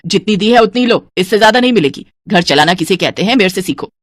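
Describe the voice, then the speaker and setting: A woman's voice: medium pitch, animated, quick pace, no echo, studio quality, natural voice. A woman voicing a stingy, scheming old mother-in-law in a cartoon, with a scolding, penny-pinching manner.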